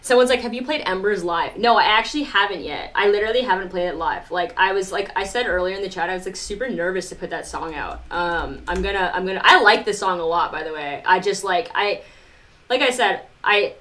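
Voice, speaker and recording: A music producer streaming live talks a little fast in a medium-pitched, fairly bright voice. Her casual, rambling chat with viewers is heavy on "like" and sprinkled with light swearing.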